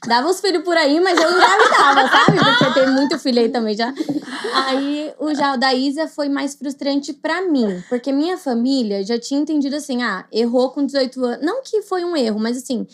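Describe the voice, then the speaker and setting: A woman's voice: sits high, expressive, fairly quick, a bit bright. A young woman with a Brazilian Portuguese accent, co-hosting a podcast and telling a personal story in casual chat, acting out the voices she quotes. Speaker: podcast co-host.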